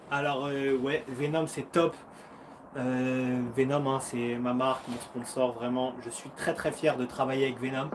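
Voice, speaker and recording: A thirty-something man with a mid-range voice, a karate fighter and coach, chats through a casual live Q&A from home against a noisy background. He keeps things upbeat and encouraging, drops slang, and acts out punches and footwork with little noises.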